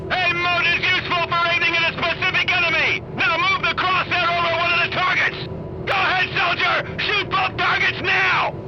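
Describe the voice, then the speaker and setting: Screaming gung-ho drill sergeant. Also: male voice, very high voice, little pitch movement, moderate pace, a faint crowd, exaggerated voice. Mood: commanding. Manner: loud, gung-ho soldier's bark, screaming orders. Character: gung-ho bullying military drill sergeant barking at recruits. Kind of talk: shouted video game voice acting. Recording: lo-fi game audio under music.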